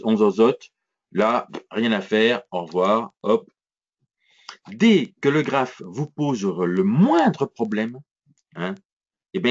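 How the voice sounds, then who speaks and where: A man teaching live as a trading instructor, talking fast and punchy, full of little fillers. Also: on the low side, muffled recording. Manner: quick, punchy, many hein and voilà fillers. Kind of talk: live educational screen walkthrough.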